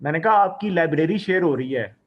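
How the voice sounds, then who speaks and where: A man's voice: fairly high pitch, lively intonation, breathy edge. Man on a crackly, breaking-up call. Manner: brisk, instructing students. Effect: crackly, breaking-up call audio. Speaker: teacher. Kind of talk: running an online class. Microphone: video call. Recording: dull lo-fi online call.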